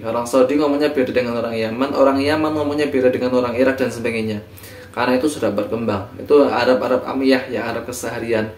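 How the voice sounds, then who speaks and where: A man giving an informal history lecture, talking in a relaxed, conversational way with many fillers and self-corrections. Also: mid-range voice. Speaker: teacher. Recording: echoey room, recorded from a distance.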